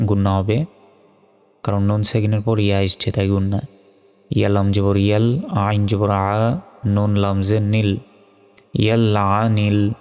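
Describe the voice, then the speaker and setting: Low-voiced guy slowly spelling out quran words, flat steady tone, reverby room, faint music behind. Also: smooth. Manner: slow, even spelling drills, with drawn-out recitation. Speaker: Quran reading teacher. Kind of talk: spelling out and reciting Quranic Arabic.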